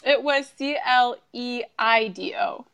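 A woman's voice: on the high side, slow, over a noisy crowd. A woman guest nurse in a casual live-stream chat, giggly and self-deprecating.

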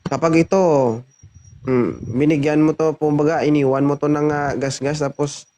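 A man's voice: a little high, little pitch movement, normal speed. A man hosting a casual street interview, teasing and joking with frequent laughs. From Zambales. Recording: loud background noise.

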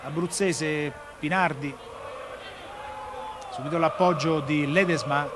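Higher-pitched Italian football commentator, man, stadium noise. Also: steady tone, takes it slowly. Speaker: play-by-play commentator. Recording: constant stadium noise behind voice. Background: stadium ambience.

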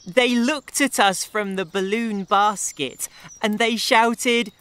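A woman voicing a playful, clever young hero in a children's cartoon, with a slow sing-song delivery. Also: fairly high pitch, fairly bright tone, smooth.

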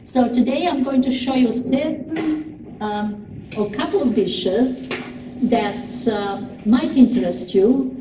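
An older woman from Serbia giving an earnest, unhurried talk to a cooking class, with frequent pauses. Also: mid-range voice, background noise. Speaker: cooking demonstrator. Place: large plain hall with kitchen tables. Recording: echoey hall, voice from far off.

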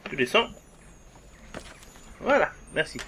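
Male gamer commentating, high, animated pitch, crude and jokey. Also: takes it slowly, slight background noise. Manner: swearing, joking, talking to the game. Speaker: let's play commentator. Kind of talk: gameplay commentary.

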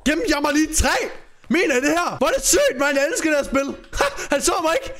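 A young Danish man streaming a shooter game, commenting excitedly and often yelping and shouting, talking very close to the microphone. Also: very high-pitched. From Denmark. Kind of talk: live gaming commentary.

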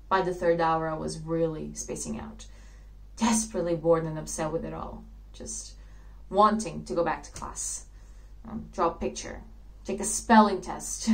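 A woman playing a dreamy, idealistic young actress in a theatrical monologue, telling her story earnestly with soft laughs. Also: lowish voice, creaky, rough recording. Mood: wistful.

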